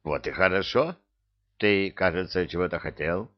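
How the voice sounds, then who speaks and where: A man's voice: deep voice, normal speed, dull audio, close to an everyday voice. A man voicing a grumpy, sarcastic male cook who talks bluntly and scolds. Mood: grumbling. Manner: grumbling, blunt.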